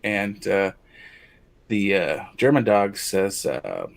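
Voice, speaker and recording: A man's voice: sits low, very animated, slow pace, creaky. A man co-hosting a casual podcast chat, swearing freely and retelling jokes. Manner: loose, profane, joking. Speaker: podcast co-host.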